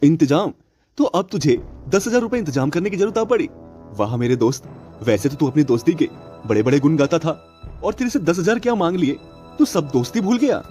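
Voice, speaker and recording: A man's voice: on the high side, animated, fairly quick, warm tone, soft background music, close to an everyday voice. A man voicing a hot-tempered, suspicious farmer in a cartoon story, talking in a sulky, accusing way.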